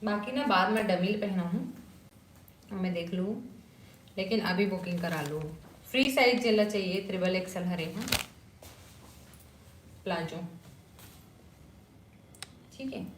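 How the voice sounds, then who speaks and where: A woman with a Chhattisgarhi accent chats her way through a clothing sale, coaxing viewers along with little tag questions. Her voice bounces around an echoey room. Steady background noise sits under her talk. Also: mid-range voice, unhurried, long pauses. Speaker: vlogger selling clothes. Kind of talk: casual sales vlog.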